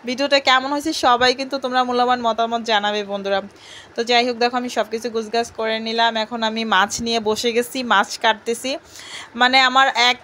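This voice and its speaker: A woman from Bangladesh narrates a casual home vlog, chatting with viewers as friends while she sorts her groceries. Her voice is on the high side and fairly bright.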